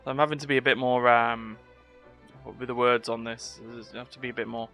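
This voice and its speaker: In a mid-range, fairly bright voice, a man hosts a relaxed live game stream from his home, talking a little fast with a flat delivery. He's wry and chatty and makes fun of himself, with game sound and soft music behind him.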